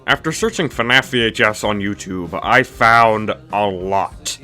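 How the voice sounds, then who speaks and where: Over soft background music, a man hosting a review series delivers a scripted comedic review in a lowish voice at a measured pace. His pushed, bright delivery drips with snark, dismissiveness and mock exasperation.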